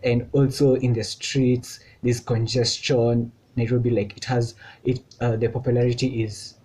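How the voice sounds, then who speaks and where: A man's voice: medium pitch, little pitch movement, moderate pace, dark tone, breathy edge. A young man from Kenya talking casually on his vlog, loose and chatty with lots of filler words. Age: young adult. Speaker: vlogger. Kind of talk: casual chat.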